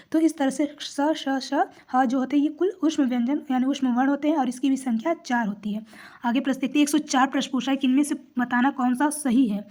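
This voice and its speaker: A woman's voice: sits high, a little mellow. A woman teaching an exam-prep lesson, explaining each answer step by step and repeating the key terms.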